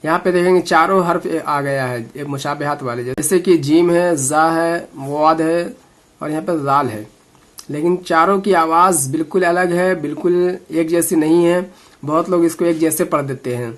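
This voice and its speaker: A man teaching Quran recitation, patiently explaining sounds letter by letter and chanting verses slowly between explanations. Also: fairly high pitch, fairly bright tone. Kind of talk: recitation lesson.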